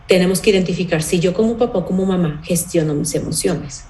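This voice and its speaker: Speaking quickly in a fairly low, darkish voice, a woman leads a parenting workshop and explains things patiently. She keeps checking in with listeners through rhetorical "¿sí?" and "¿bien?". The room is echoey and the recording is poor.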